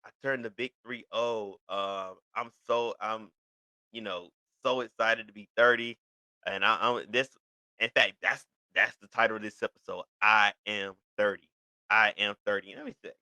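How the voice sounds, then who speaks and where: A man's voice: fairly low pitch, fairly even intonation, moderate pace, sharp tone, no echo, low-quality recording. A man of thirty hosting his own show, talking casually to camera and rambling with lots of "you know" fillers and restarts. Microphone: video recording for an online channel.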